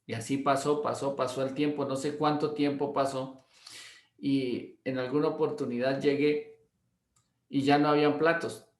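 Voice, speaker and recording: A man's voice: medium pitch, steady tone, moderate pace. A pastor teaching a class through a long anecdote, acting out the dialogue and often repeating his words. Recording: roomy echo.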